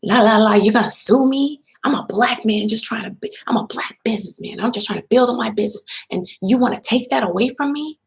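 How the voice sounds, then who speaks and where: A man's voice: sits high, a little fast, creaky, few pauses, husky, pitched above the performer's own voice, exaggerated voice. A woman doing a mocking impression of a defensive, indignant male businessman, whining in protest. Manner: whiny, protesting, exaggerated.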